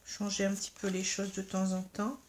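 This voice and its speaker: This tarot reader, a woman, walks viewers through a card reading at a normal speed in a mid-range voice, calm, soft, and instructive. She often stumbles into fillers and restarts, and there's slight background noise.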